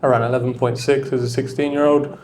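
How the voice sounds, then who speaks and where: A man speaking as a guest coach in a relaxed interview, thoughtful and unhurried in how he builds his points. His voice sits at a middling pitch, and his speech is dotted with casual filler words. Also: a little hiss or hum. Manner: reflective, loose with filler words. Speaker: tennis coach and mentor, guest.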